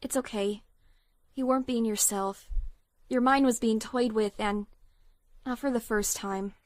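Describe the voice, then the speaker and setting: Woman as Princess Cadance, high-voiced gracious pony royal. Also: fairly even intonation, unhurried, dry recording, close to an everyday voice. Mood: tender, gracious. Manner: gentle, gracious. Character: kind, regal pony princess, devoted and firm. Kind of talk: audio drama acting.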